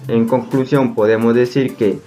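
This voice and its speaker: A man's voice: medium pitch, fairly even intonation, moderate pace, warm tone, faint music behind. A young man giving a student class presentation, hesitant, with frequent fillers. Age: young adult.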